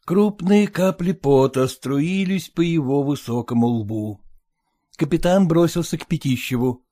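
Measured male narrator, slow, a touch high-pitched. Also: mellow. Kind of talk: audiobook narration.

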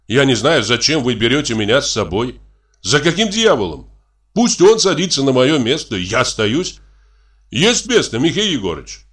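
A man's voice: mid-range voice, fairly bright tone, pitched above the performer's own voice. A man voicing an irritable country doctor who complains that he does not want to go. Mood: grumbling.

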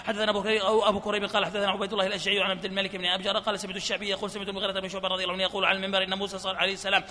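A man reading hadith chains aloud at a study session, in a rapid, flat recital. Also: high-pitched. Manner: reads fast in a flat chant, laughs softly at times. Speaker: hadith reader. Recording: reverberant hall with faint noise.

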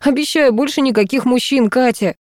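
A woman's voice: sits high, fairly quick, a little mellow, dry recording, studio quality, voice pushed up, lightly acted. A woman reading an audiobook, voicing a meek, guilty young man who mumbles his apologies.

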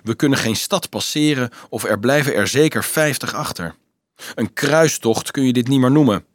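A man's voice: mid-range voice, normal speed, no room sound, studio quality, close to an everyday voice. A man reading an audiobook, voicing an earnest teenage boy who leads a crusade and speaks curtly and seriously. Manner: curt, serious.

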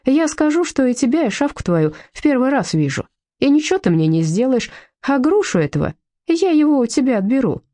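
A woman's voice: sits high, very animated, fairly quick, warm tone, no room sound, studio quality, pitched above the performer's own voice. A woman reading a storybook aloud, voicing a crude, mocking male shop director who bullies and boasts. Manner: sneering, boastful, snide laughter.

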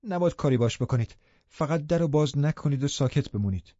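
A man's voice: a little high, animated, no room sound. A man reading the lines of a tired, defiant young woman in an audiobook. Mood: weary. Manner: weary, then sharp and defiant. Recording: muffled lo-fi recording.

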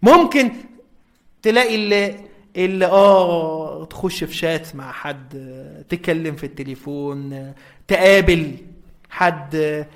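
High-voiced Egyptian man lecturing. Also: unhurried, long pauses, fairly bright tone. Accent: Egyptian Arabic. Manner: conversational, often checks in with listeners. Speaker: religious lecturer. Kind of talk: informal religious lecture.

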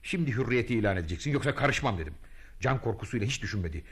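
A pompous, boastful self-made hero. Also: male voice, on the low side, expressive, rapid-fire, breathy edge. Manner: grandiose, theatrical, muttering to himself. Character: boastful self-styled male freedom hero, pompous, vain. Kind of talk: radio drama acting.

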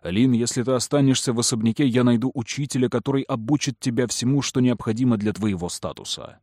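A man playing a cold, manipulative noble father who speaks slowly and firmly. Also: medium pitch, a little mellow, dry recording, studio quality, lightly acted. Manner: slow, firm, measured. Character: cold powerful aristocratic father, calm and manipulative.

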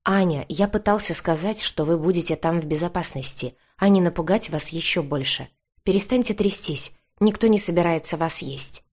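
A woman reading a calm, composed man in an audiobook, with a steady, reassuring manner. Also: lowish voice, moderate pace, dull audio, close to an everyday voice. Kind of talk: audiobook character voice.

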